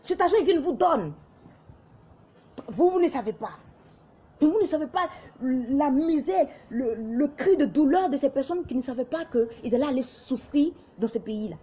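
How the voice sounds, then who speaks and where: Speaking at normal speed with lively intonation, this online commentator has a high-pitched, mellow voice and a light Ivorian French accent. The young woman from Ivory Coast lectures and exhorts passionately to camera, imitating others in quoted asides. The audio is dull.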